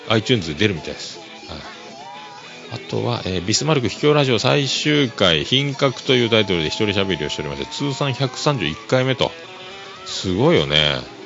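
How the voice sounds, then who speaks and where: Over background music, a man hosts a laid-back solo podcast in a creaky, mid-range voice, chuckling and leaning heavily on fillers. The sound quality is dull and lo-fi.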